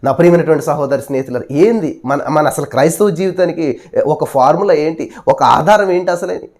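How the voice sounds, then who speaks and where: A high-voiced male preacher giving a sermon, firing rhetorical questions at his listeners. He punctuates his points with hallelujahs. He swings between loud emphasis and sudden hushed asides. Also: brisk.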